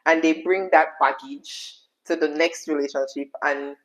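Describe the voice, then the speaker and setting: A woman's voice: sits low, fairly even intonation, measured pace, rough recording. A woman with a Jamaican accent chatting casually, emphatic and repetitive, slipping into patois as she co-hosts. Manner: emphatic, repeats phrases, slips into patois. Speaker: co-host answering viewer questions. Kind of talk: casual chat.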